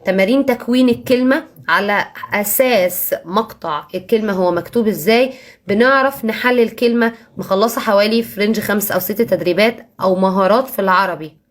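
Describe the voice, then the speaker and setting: Addressing parents, a teacher with an Egyptian Arabic accent describes her approach to teaching young children. She speaks at medium pitch, stresses and repeats important words, and slows down when giving examples.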